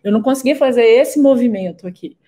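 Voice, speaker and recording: A woman giving a personal testimony in a talk, an animated storyteller who repeats words for emphasis. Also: on the high side, fast talker. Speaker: therapy co-creator and instructor.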